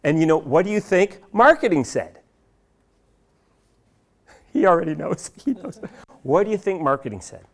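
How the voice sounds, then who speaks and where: A man's voice: fairly high pitch, moderate pace, pauses often. Guy mid-career giving a seminar talk, voice goes all over the place, acts out his coworkers. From United States. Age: middle-aged. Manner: animated storytelling, quotes colleagues in dialogue. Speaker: seminar speaker. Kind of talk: live seminar talk with audience.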